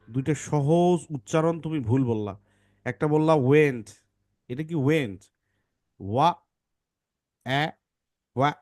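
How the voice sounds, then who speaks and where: A man's voice: on the high side, darkish tone. A man teaching English phonics to a children's class, patiently correcting pronunciation sound by sound.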